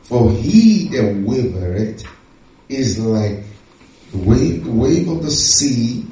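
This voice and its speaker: Preacher in an echoey hall. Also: male voice, medium pitch, very animated, warm tone. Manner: emphatic, slow scripture reading. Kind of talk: sermon with live interpreter. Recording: echoey hall, distant mic.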